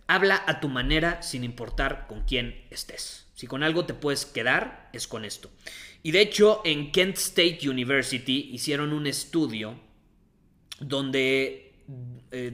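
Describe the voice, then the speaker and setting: A young man coaches his listener in a bright, somewhat high voice. He talks with emphasis, slows down to stress his points and repeats the key phrases. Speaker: coach giving dating and confidence advice. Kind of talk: motivational talk to camera.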